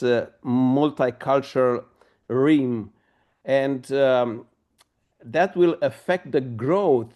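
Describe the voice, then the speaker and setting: His question at the discussion runs long and halting, broken by many pauses and fillers. The speaker is a middle-aged male pastor with a Romanian accent and a medium-pitched, somewhat mellow voice.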